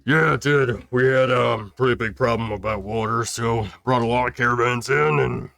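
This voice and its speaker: A man voicing a gruff male half-orc caravan master who likes lining his pockets, in a tabletop game. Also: mid-range voice, moderate pace, fairly bright tone, no room sound. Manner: gruff, casually greedy.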